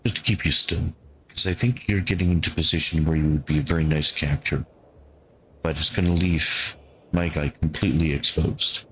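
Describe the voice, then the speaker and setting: Deep-voiced man calmly narrating gameplay. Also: normal speed, a little hiss or hum. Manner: calm, thinking aloud to his units. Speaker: gameplay streamer. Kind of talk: gameplay commentary.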